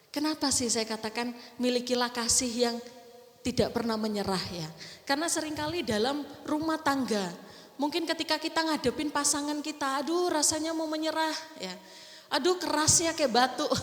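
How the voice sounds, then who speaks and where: A woman in middle age preaches in a church hall with a high voice. Her delivery is chatty as she acts out little quoted voices. The sound rings around the room with a long reverb tail. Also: a bit bright. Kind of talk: sermon.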